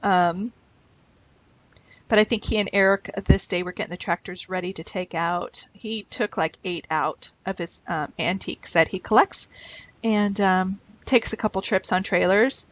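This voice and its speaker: A woman's voice: medium pitch, moderate pace. Chatty, rambling woman at her craft table. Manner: chatty and rambling, laughs easily. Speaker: craft vlogger. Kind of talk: casual chat while scrapbooking.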